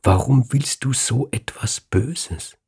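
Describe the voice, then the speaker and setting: Man doing a caring farmer's wife, low gravelly voice, slow. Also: a little mellow, full character voice. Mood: earnest. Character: kind, self-sacrificing farmer's wife.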